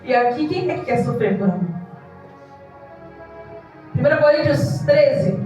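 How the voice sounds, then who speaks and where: High-voiced woman pastor preaching. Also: animated, measured pace, mellow, soft background music. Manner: impassioned, mimics congregants in quoted voices. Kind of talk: evangelical sermon. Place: church hall. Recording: echoey church hall from far off.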